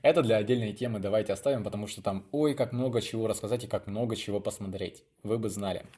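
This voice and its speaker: A young man hosting his vlog channel talks fast in a lowish, mellow voice with a breathy edge. He rambles casually through personal stories for his viewers, unscripted and thinking aloud.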